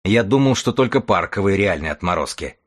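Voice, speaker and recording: A man's voice: deep voice, animated, a little fast. A man reading an audiobook voices a grim, restrained young bookman who speaks coldly and firmly. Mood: stern. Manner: cold, restrained, firm.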